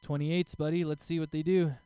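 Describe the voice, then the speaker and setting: Mellow, smooth-voiced man running a game. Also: on the high side, little pitch movement, brisk. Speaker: game master. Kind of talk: casual tabletop game narration.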